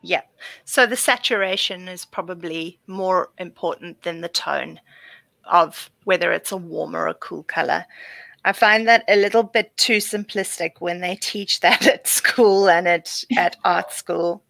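A woman, relaxed and explanatory, giving a live painting demo over a video call. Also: lowish voice, a little slow, vocal fry, no room sound. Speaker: guest artist. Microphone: computer microphone on a video call.

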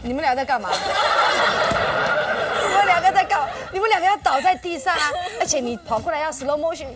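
A woman's voice: sits high, brisk, over a noisy crowd, heavy background noise. A woman hosting a variety show, teasing her guests and narrating a comedy skit with lots of laughter. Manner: giggly, teasing, lively stage narration. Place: TV studio set. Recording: far from the mic, loud studio audience.

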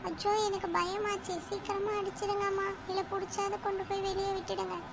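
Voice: extremely high pitch, monotone, a little fast, creaky, very noisy. A performer voicing a hungry, whiny little girl, the younger sister, pleading and complaining in a cartoon. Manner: whining, pleading.

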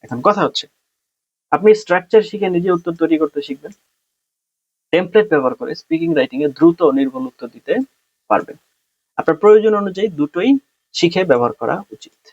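A man with a Bangladeshi accent teaching a PTE exam-prep lesson. He explains in a relaxed way and reads English template phrases slowly and deliberately. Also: fairly high pitch, no echo. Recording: dry, slightly dull sound.

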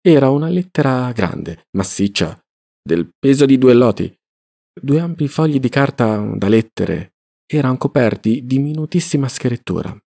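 A man narrating a classic novel as an audiobook reader, in a measured, literary way. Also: mid-range voice, lively intonation, creaky, dark tone. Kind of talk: scripted narration.

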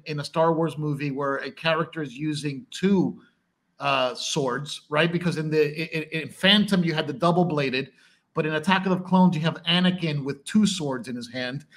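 On a casual video call, a podcast host interviews his guest with eager, enthusiastic questions. His voice leans high and sounds a little bright.

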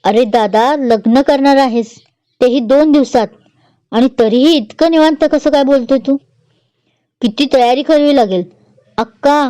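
A woman's voice: mid-range voice, steady tone, unhurried, hardly any pauses, clear, resonant tone, no room sound, close to an everyday voice, low-quality recording. A woman storyteller voicing a naive young girl who asks fretful questions. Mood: anxious. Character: naive young girl, quick to get cross.

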